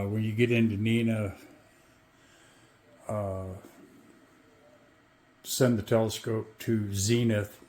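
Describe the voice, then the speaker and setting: A man giving a casual, halting show-and-tell tutorial in an informal, laid-back way. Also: fairly low pitch. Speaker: DIY tutorial host.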